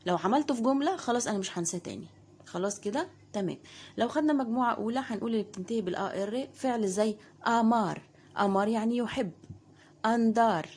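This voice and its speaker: A woman's voice: on the high side, darkish tone, breathy edge. Egyptian woman, online language teacher, patient and methodical. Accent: Egyptian Arabic. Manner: patient, repeats each word and meaning slowly. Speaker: Spanish teacher.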